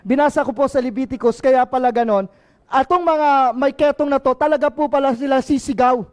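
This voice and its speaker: A man's voice: very high voice, fairly quick. A male pastor from the Philippines with a Filipino accent, preaching an impassioned sermon and often asking the congregation for an amen.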